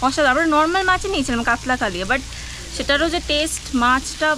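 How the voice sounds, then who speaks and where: A woman's voice: high-pitched, quick pace, sharp tone. A woman with a Bengali accent chatting casually as a travel vlog co-host. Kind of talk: casual chat. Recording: clear background noise.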